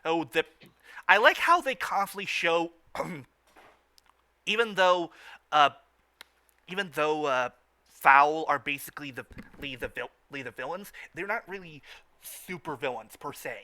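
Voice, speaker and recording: Reviewing a cartoon as a podcast co-host, this man chats casually like a fan, often stumbling over and repeating words and phrases. He has a fairly high, animated voice that sounds pushed and bright, and he takes his time, leaving long pauses.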